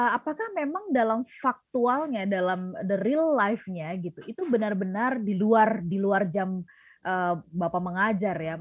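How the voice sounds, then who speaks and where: A woman's voice: medium pitch, breathy edge, dry recording. A woman radio host asks long, winding questions with many fillers. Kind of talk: radio interview, asking questions. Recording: dry, slightly dull studio sound.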